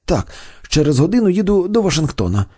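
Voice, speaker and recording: A haughty young aristocrat, as a male reader puts him on, stiff with family pride, his voice husky and mellow. The pitch moves widely, and the read is close and dry. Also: sing-song, a little fast, no echo, exaggerated voice. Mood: breezy. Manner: indignant, breezy.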